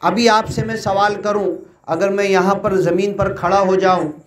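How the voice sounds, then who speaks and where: A man's voice: sits high, steady tone, moderate pace. A man preaching a devotional sermon to a seated congregation, repeating phrases for emphasis. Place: large hall with an audience. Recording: echoey hall.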